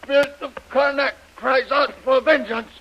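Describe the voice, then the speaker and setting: A man's voice: very high voice, steady tone, moderate pace. An actor playing a masked male assassin who threatens in broken speech, in 1930s radio drama style, on a muffled old radio recording. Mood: menacing.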